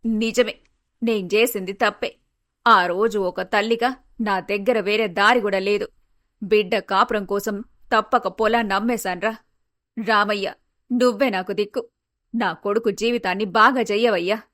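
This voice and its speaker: A woman voicing an aging, widowed mother in an animated storybook, lamenting her troubles in a sorrowful, resigned way. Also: mid-range voice, moderate pace, pauses often, close to an everyday voice. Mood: pleading. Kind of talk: storybook voice acting.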